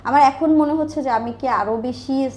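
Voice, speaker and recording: A Bangladeshi woman who owns a small business tells personal stories as a guest in a conversational interview. She's talkative, repeating phrases and acting out quoted dialogue, in a high-pitched, warm voice at normal speed. Slight background noise is present.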